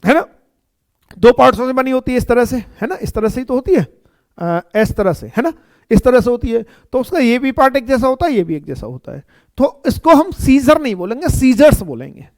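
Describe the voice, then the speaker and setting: In a dry recording, a man with an extremely high-pitched voice teaches an English grammar class. He explains slowly, step by step, repeating himself and often checking in with "ठीक है" and "है ना".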